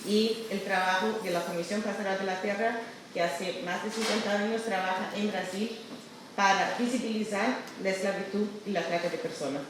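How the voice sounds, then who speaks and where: A woman with a Brazilian accent gives an acceptance speech in Spanish blended with her native Portuguese. She pauses and rephrases often. The sound is distant and heavily reverberant, with clear noise behind her. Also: medium pitch, steady tone. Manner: halting, with hesitations and self-corrections. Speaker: award recipient. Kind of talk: acceptance speech, semi-improvised. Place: large echoey room at a ceremony. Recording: distant, very echoey hall, background noise.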